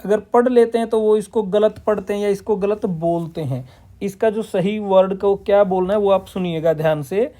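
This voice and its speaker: A man's voice: sits high, moderate pace, dark tone. A man teaching a lesson, asking and answering his own questions and mixing English terms into his Hindi. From Punjab, India. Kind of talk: classroom-style lesson explanation.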